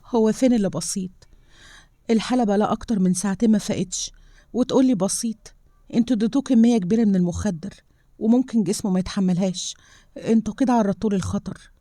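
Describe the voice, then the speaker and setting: A woman with an Egyptian accent voicing a protective woman scientist who soothes gently and argues hotly. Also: mid-range voice, fast talker, dry recording, clean studio sound, voice pushed up, lightly acted. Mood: angry. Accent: Egyptian Arabic. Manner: soothing with the wolf, heated with colleagues.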